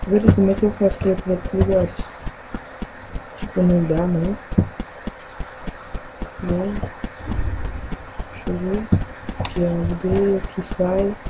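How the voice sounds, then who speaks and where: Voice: medium pitch, flat delivery, measured pace, pauses often, noisy background. A gaming channel host with a Brazilian accent, giving rambling, casual commentary while playing and thinking aloud.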